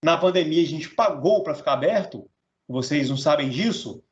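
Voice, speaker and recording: Man, Portuguese teacher, casual profane lecture, fairly high voice. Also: lively intonation, moderate pace. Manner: blunt, profane, joking. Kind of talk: informal recorded lesson. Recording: dull, muffled audio.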